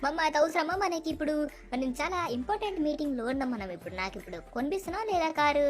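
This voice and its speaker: A woman's voice: high-pitched, expressive, very fast. A woman voicing a whiny, pleading little boy in a game dub. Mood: pushy. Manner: whining, begging, sulky.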